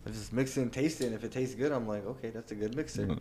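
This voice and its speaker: A man's voice: mid-range voice, very fast, mellow, a little hiss or hum. A man bantering casually with his friends in loose, informal slang.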